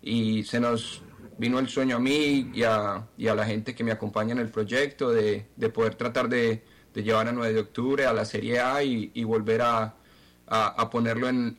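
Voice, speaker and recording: A Colombian man, speaking as a football club president, answers interview questions haltingly, repeating words while he hunts for the right ones. His voice sits at medium pitch with a level tone and a slightly bright quality.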